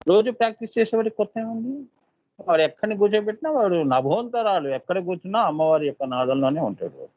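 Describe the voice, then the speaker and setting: Guru type guy, fairly high voice, keeps checking "right?", slow chanting bits, dry muffled sound. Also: lively intonation, no echo. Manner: questioning, often asks listeners "right?"; chants seed syllables slowly. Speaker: spiritual teacher. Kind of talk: devotional discourse.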